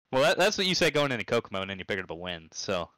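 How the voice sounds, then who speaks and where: A man with a mid-range voice commentates and interviews a driver in a lively, chatty, casual manner, stumbling and repeating words. The audio is poor, though without echo.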